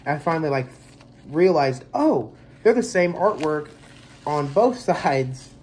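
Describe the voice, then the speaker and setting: Stuffy from allergies, this twentysomething movie collector vlogger unboxes a film in his small bedroom, rambling casually with lots of filler. His voice is a little high and a little mellow, slow with big pitch swings, and the rough close-webcam recording carries slight background noise.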